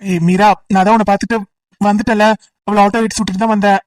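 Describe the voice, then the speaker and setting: A woman's voice: mid-range voice, flat delivery, fast, darkish tone, recorded from a distance, lightly acted, low-quality recording. A woman voicing a teasing, persistent young male college student in an amateur audio drama, talking in a playful, coaxing way.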